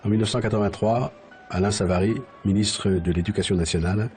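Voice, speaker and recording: A man reading scripted documentary narration in a formal, steady way. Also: lowish voice, quick pace, faint music behind.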